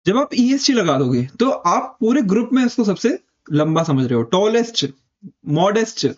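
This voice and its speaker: High-voiced Indian man teaching English grammar. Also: sing-song, highs cut off. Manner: explains step by step, repeats key points, slows down to spell out English examples. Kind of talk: spoken grammar lesson.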